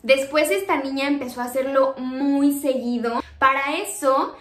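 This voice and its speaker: A young Mexican woman with a Mexican accent, casually telling spooky personal stories in an animated way, acting out the dialogue. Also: high voice, normal speed, a little hiss or hum. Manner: animated, re-enacts dialogue, many fillers. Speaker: storyteller. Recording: roomy echo.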